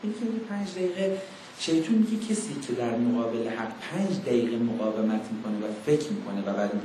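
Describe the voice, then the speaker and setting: A man preaching a sermon to a young audience, emphatic and full of rhetorical questions, slowly intoning scripture verses in between. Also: medium pitch, animated, mellow, slight background noise. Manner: emphatic, rhetorical questions, acts out mock dialogues. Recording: very echoey room.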